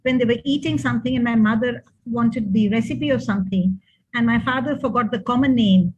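A woman's voice: a little high, brisk, husky. An older woman with an Indian accent giving an informal speech of thanks and reminiscence over a video call. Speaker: speaker giving thanks and family memories. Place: indoor room, on a video call. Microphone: computer mic on video call. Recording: dull video call audio.

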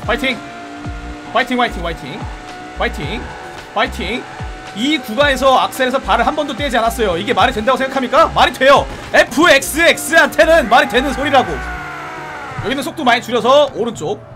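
Man, very high voice, rapid talk, playful game commentary, background music. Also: animated. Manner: playful, shouts at rival cars during races. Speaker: game YouTuber reviewing a car. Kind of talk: excited gameplay commentary. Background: background music and engine sounds.

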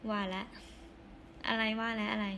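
A hoarse young woman chatting casually on a live stream, giggling and reading viewer comments aloud. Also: medium pitch, monotone, measured pace, a bit bright, a little hiss or hum.

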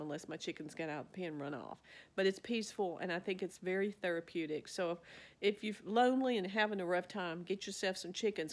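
Folksy woman chatting over music. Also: lowish voice. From Arkansas. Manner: folksy, rambling, restarts and trails off. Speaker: vlogger, physician and farmer. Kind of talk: casual chat to camera. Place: small cluttered indoor office. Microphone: phone camera up close.

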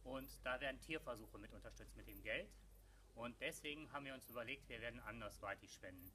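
A man's voice: mid-range voice, fast, sharp tone. A middle-aged man co-hosting with casual, unscripted banter outdoors, a few metres from the camera. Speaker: podcast co-host. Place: outdoors in a garden. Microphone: camera mic a few metres away. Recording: faintly noisy outdoor camera recording.

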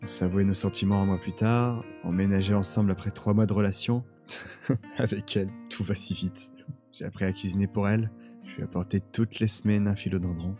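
A man acting an emotional young boyfriend in an audio drama, easily exasperated and expressive. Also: on the low side, brisk, soft background music, natural voice. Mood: tender, wistful. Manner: expressive, swinging from soft narration to anguished cries.

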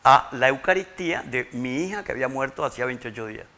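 A grieving father, telling his story in a halting, tearful interview and repeating words when overcome. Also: mid-range voice, lively intonation, bright, forceful tone. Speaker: interview guest, bereaved father. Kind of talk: emotional interview testimony.

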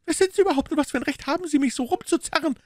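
A man's voice: a little mellow, no echo, studio quality. A man voicing a sulky, defiant housemaid who shrieks back at her accuser, in a German audiobook reading. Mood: defiant shrieking. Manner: shrill, shrieking, fast, coarse.

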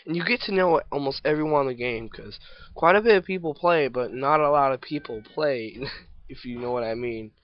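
A man's voice: mid-range voice, brisk, muffled recording. A man casually commenting over his own gameplay, rambling and self-deprecating, with hiccups and yawns. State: hiccups and yawning. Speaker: gameplay video maker.

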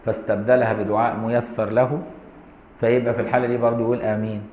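A man's voice: medium pitch, level tone, fast talker, slight background noise. A man with an Egyptian accent teaching Islamic law to a class, reading a text and adding colloquial, mocking asides. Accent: Egyptian Arabic. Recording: roomy lo-fi lecture hall recording.

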